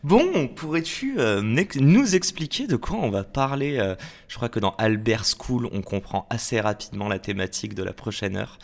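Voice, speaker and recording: A young man hosting a podcast in casual, lively conversation, swearing and laughing freely. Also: mid-range voice, moderate pace, vocal fry. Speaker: podcast host. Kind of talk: casual interview chat.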